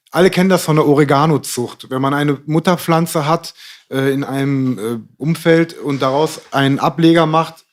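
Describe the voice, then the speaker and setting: A middle-aged man talking through ideas in a casual podcast discussion, rambling and hesitant, with many fillers. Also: mid-range voice. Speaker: podcast guest.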